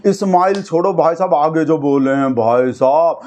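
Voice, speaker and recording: A man with a high voice and a lilt riffs on news clips, teasing and chatty. He pokes fun at everyone in a loose, talkative style, throwing in friendly asides. The delivery is comic satire, not straight news. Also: moderate pace, darkish tone. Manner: mocking, chatty, repeats "bhai sahab". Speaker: satirical commentator.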